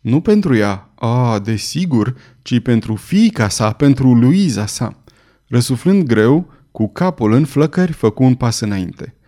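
Brief: male audiobook narrator, mellow dark tone, measured and expressive. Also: mid-range voice.

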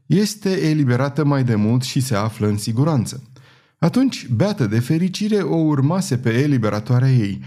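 Man narrating with a dark, mellow voice. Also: mid-range voice. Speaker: audiobook narrator. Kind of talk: scripted narration.

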